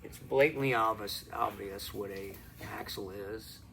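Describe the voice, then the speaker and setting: A middle-aged man talking casually to camera in a calm, unhurried, folksy way, like a plain-spoken motivational teacher. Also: fairly low pitch, vocal fry. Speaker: video host and teacher. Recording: some background noise.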